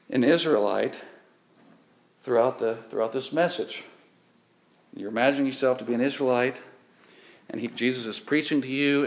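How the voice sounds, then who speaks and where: A middle-aged man preaching a sermon, emphatic, swelling on key words and then dropping low. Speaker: pastor.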